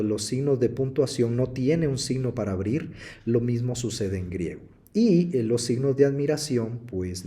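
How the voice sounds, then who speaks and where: A man teaching a slide lesson on New Testament Greek, explaining calmly and speaking straight to the viewers. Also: medium pitch. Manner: slow, explanatory, addresses viewers directly.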